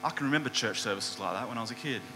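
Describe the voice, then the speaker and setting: A man preaching a sermon, retelling a Bible story in a lively storytelling manner. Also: mid-range voice, very fast. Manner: storytelling, animated retelling with quoted voices. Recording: hall reverb with faint mains hum.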